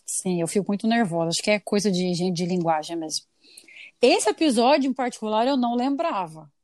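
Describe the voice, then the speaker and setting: A Brazilian woman in her thirties hosts a casual podcast chat, speaking with a mixed Brazilian Portuguese accent. Her mid-range voice is animated, brisk, and a little mellow, captured in clean studio sound with no echo. She's chatty, laughs, and drops playful asides.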